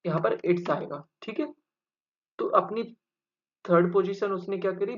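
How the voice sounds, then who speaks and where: A man's voice: sits high, a bit bright, muffled recording. A man teaching an exam-prep English grammar lesson, explaining step by step and quizzing his viewers with rhetorical questions.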